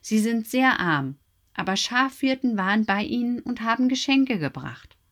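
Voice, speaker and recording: A woman's voice: on the high side, sing-song, normal speed, pitched above the performer's own voice. A woman voicing a wise, helpful female owl who guides the other animals, speaking eagerly in a raised voice. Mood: excited.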